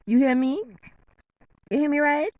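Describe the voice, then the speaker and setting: This vlogger, a Jamaican woman with a Jamaican accent, eats while chatting to camera in a playful, teasing way. Her high voice moves at a measured pace, and the recording is muffled though free of echo.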